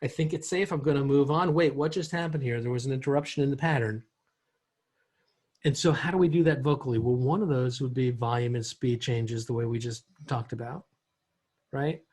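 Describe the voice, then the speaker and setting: A man giving a recorded training lesson on communication, conversational, often acting out voices and switching pitch and pace to demonstrate. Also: a little fast, darkish tone, husky. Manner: conversational, asks rhetorical questions.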